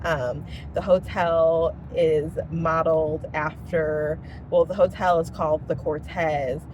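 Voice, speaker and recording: Low-voiced chatty woman vlogger. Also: fairly even intonation, a little mellow, slight background noise. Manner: enthusiastic, chatty, with frequent "um" pauses. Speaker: vlogger reviewing a TV series. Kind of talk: casual chat.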